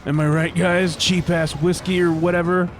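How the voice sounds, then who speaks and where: A man's voice: high voice, flat delivery, moderate pace, a little hiss or hum. A man co-hosting a gaming podcast, giving casual, joking, rambling commentary while playing.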